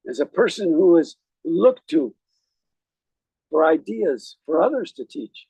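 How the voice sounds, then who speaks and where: A man speaking as a rabbi at a graveside, giving a eulogy in a measured, reflective way with deliberate pauses. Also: high-pitched, sing-song, gravelly, dark tone, breathy edge, dry recording, low-quality recording. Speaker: rabbi officiating at a funeral.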